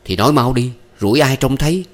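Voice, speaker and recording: Nervous young guy, southern vietnamese accent, hurried and evasive, narrator voicing him. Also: medium pitch, pitched above the performer's own voice, natural voice. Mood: uneasy. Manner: hurried, uneasy. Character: young man, awkward and evasive.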